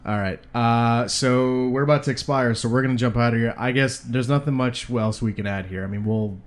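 A man's voice: medium pitch, a little fast. Laid-back male podcast co-host. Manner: laid-back, profane banter. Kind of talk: casual political podcast chat.

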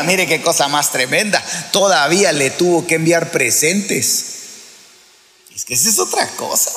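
A man delivers a sermon slowly, stopping and restarting as he acts out little quotes. His voice is slightly high and gravelly. It rings through a large, echoey church hall with a long reverb tail. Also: fairly bright tone. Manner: preaching with acted-out quotes and many restarts. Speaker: pastor.

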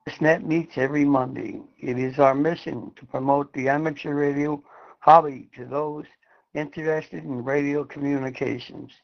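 Gravelly radio operator on fading shortwave. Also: male voice, a little high. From Massachusetts, USA. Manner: measured, formal on-air calling, spells call signs phonetically. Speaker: net control operator. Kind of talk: amateur radio net procedure. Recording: dull lo-fi radio sound.

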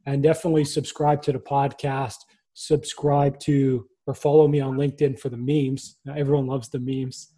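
A man's voice: medium pitch, little pitch movement, moderate pace, warm tone, breathy edge. A man hosting a podcast panel over a video call, upbeat and enthusiastic as he thanks his guests. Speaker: podcast host. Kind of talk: casual panel chat.

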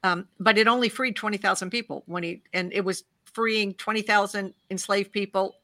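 A woman's voice: mid-range voice, fairly even intonation, normal speed, sharp tone, no room sound, clean studio sound. A woman speaking as a panel guest, explaining with strong emphasis and urging listeners to act. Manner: emphatic, lecturing, urges action. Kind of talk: panel discussion.

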